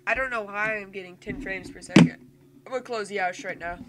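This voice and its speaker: A male gamer doing casual let's-play commentary, reacting excitably to the game with frequent yelps and laughs. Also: sits high, fairly quick, crowd noise. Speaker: gameplay commentator.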